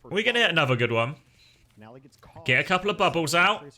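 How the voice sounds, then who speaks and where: A male streamer with a very bright, sharp voice and a lively, swooping delivery. He chats casually with viewers and reacts to the match with wry, sweary excitement. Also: fairly high pitch, fairly quick. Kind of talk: casual live reaction commentary, chatting with viewers.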